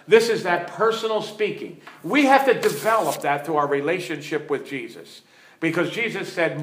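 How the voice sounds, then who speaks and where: A man's voice: fairly high pitch, a bit bright. A middle-aged man preaching as a pastor, teaching with stories and putting questions to his listeners in an earnest way. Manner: earnest, storytelling, asks the audience questions. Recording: echoey room.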